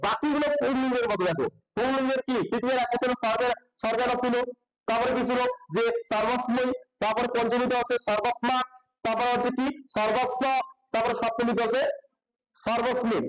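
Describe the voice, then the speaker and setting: A man's voice: extremely high pitch, level tone, fairly quick, poor audio. A man teaching a grammar lesson to a class in style speech, constantly asking questions and repeating the answers.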